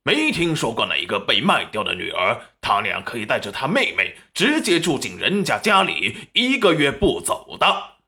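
A man's voice: mid-range voice, big pitch swings, a little slow, gravelly, exaggerated voice. A man voicing a stern old male teacher who scolds with contempt. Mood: irritated. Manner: sharp, contemptuous.

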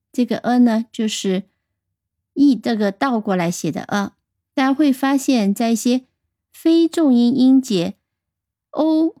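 A woman giving a radio vocabulary lesson, pronouncing words slowly and carefully and spelling them out letter by letter. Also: fairly high pitch, warm tone, dry recording, studio quality. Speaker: English vocabulary teacher.

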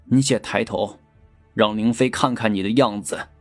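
An actor voicing a cold, embittered emperor who gives stern commands. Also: male voice, medium pitch, slow, breathy edge, soft background music. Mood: commanding.

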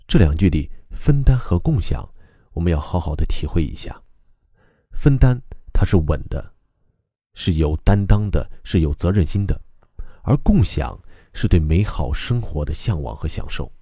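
Man, recitation lesson, very deep voice, dark tone, calm methodical explaining. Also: moderate pace, no room sound, clean studio sound. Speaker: recitation teacher. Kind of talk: explanatory lesson on reading poetry aloud.

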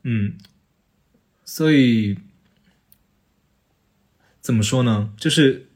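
Casual male co-host, slightly rough husky voice, feels his way through sentences. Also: mid-range voice, very slow, darkish tone. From Chaoshan, southern China. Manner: hesitant, thinking aloud. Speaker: podcast co-host. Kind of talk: casual conversation.

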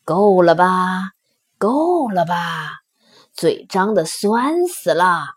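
A woman voicing a kindly old male stone lion who laughs heartily and speaks slowly. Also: on the low side, animated, breathy edge, voice pushed down, heavily acted. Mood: grumbling.

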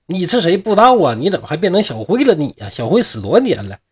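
A man playing an alarmed older mother with a Northeastern Mandarin accent, firing off sharp scolding questions. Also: high-pitched, wildly swooping pitch, fast, slightly rough, pitched above the performer's own voice, exaggerated voice.

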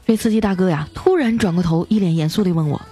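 A woman hosting a radio show, telling comic jokes in an animated storytelling way and playfully acting out the people in her stories. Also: lowish voice, fast, husky, faint music behind.

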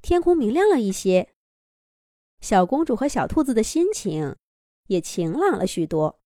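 A woman telling a children's fairy tale in an expressive, dramatic storytelling manner. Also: on the high side, normal speed, dry recording, studio quality. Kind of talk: scripted fairy-tale narration.

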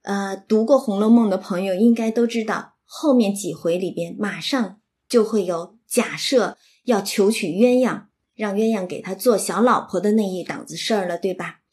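A woman's voice: mid-range voice, moderate pace, few pauses, darkish tone. A woman retelling and explaining a classic novel in a chatty lecture, often checking in with her listeners. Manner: chatty, asks listeners for agreement. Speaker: literature explainer.

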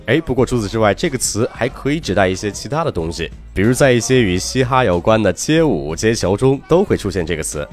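Lively low-voiced man teaching English pronunciation. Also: soft background music. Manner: lively, slow careful demonstration of words. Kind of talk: podcast pronunciation lesson.

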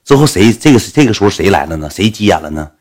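Fast-talking storyteller man. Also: on the low side. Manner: animated, acts out the quoted dialogue. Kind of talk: casual anecdote telling.

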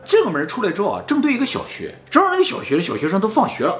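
A man's voice: high-pitched, rapid-fire, echoey room, soft background music. A man hosting a casual chat, telling a spooky story and acting out the quoted lines. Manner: animated, acts out quoted lines. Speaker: storyteller host.

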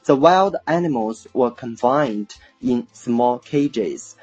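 A man's voice: mid-range voice, animated, slow pace, darkish tone, breathy edge, faint music behind. A male English vocabulary teacher hosting a casual radio-style lesson, chatty and jokey, spelling words out letter by letter, with Chinese as his first language.

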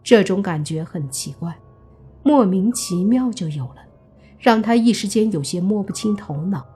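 A woman's voice: medium pitch, moderate pace, breathy edge, faint music behind. Woman narrating a serialized novel. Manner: steady storytelling narration. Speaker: audiobook narrator.

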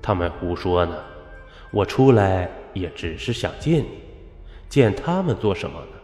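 Man voicing a soft-spoken ghost husband. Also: big pitch swings, unhurried, reverberant, long reverb tail, soft background music, heavily acted. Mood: tender, soothing. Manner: soft, low and tender. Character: gentle ghost of a devoted husband.

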